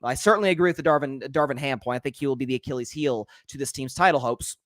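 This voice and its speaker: A young man with a mid-range, somewhat bright voice hosts a sports talk show on his own, speaking quickly and animatedly. He reads out what viewers have commented and often repeats words while making a point, with clean, echo-free studio sound.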